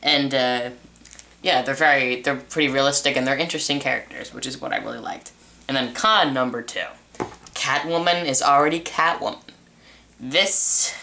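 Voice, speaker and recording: A man's voice: mid-range voice, vocal fry, sharp tone, slight background noise. A young man giving a casual spoken review of a TV season, rambling with restarts and fillers. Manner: rambling, repeats himself with many restarts and uh fillers. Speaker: TV show reviewer.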